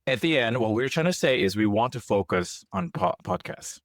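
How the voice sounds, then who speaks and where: A young man of Korean heritage, raised abroad, co-hosts a podcast in loose, jokey chat with lively swings of pitch. His voice has a gravelly fry, and the recording is dry and close. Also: moderate pace, no room sound. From grew up outside Korea, Korean heritage. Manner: playful, jokey, animated, often self-correcting. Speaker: podcast co-host. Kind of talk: casual chat.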